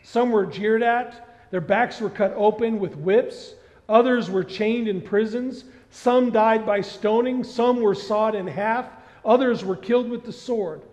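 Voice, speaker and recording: A middle-aged man preaching a sermon on a church stage, animated and asking the congregation questions. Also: high-pitched, measured pace. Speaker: pastor. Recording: dull sound with long hall reverb.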